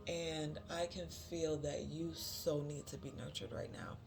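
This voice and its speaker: Over background music, a spiritual card reader channels a reading for viewers in a medium-pitched, flat, creaky voice. She leans on repeated phrases for emphasis and fills the reading with pauses and fillers.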